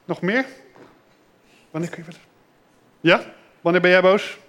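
A man giving a children's sermon in a simple, gentle way, asking the children questions and repeating their answers. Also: high voice, moderate pace. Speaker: children's pastor.

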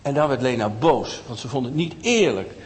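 A middle-aged man telling a story to children in an animated way, often asking them questions. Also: medium pitch, moderate pace, big-room sound, slight background noise. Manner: animated, asks listeners questions.

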